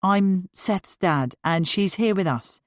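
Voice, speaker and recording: A woman reading the part of a polite middle-aged father who speaks slowly and calmly, hesitating with ums. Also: lowish voice, no room sound, clean studio sound, lightly acted. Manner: slow, calm, hesitant with ums.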